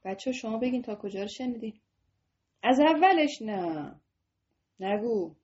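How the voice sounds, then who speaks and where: A woman's voice: fairly high pitch, animated, a little mellow, lo-fi sound. A woman teaching a religious lesson to children on a video call. She talks straight to her students and asks them questions. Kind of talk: online class to children.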